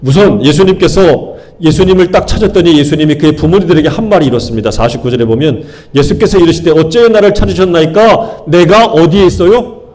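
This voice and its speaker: A male pastor delivering a sermon in a fairly high voice for a man. He keeps asking the congregation questions and answering them himself, and he repeats key words for emphasis. His delivery rises and falls between pointed appeals and quieter, settled statements. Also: brisk. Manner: call-and-response questions to the congregation, emphatic repetition.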